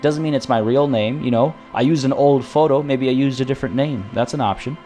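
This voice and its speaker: Faint music sits behind a man who is live-streaming a game and chatting with viewers. He speaks briskly in a warm, mid-range voice, rambling and going off on tangents with many restarts, and says his voice is giving out.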